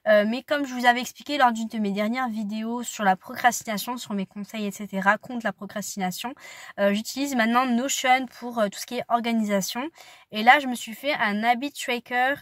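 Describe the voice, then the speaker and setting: A woman's voice: fairly high pitch, fairly even intonation, fairly quick, a bit bright, dry recording. Chatty young woman vlogging. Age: 20s. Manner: chatty, rambling, apologetic asides. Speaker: student vlogger. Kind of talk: casual vlog chat to camera.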